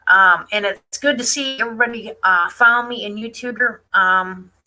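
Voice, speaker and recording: A woman's voice: mid-range voice, normal speed, sharp tone, rough recording. A woman hosting a casual live stream, chatty and defiant, with many fillers as she comments on a news clip. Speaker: online show host.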